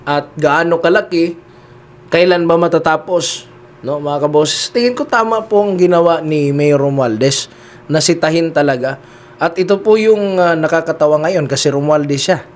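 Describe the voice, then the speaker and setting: Brief: male political commentary host, fairly high voice, conversational, keeps checking in with listeners. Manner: keeps addressing listeners, heavy "no?" and "di ba?" tags.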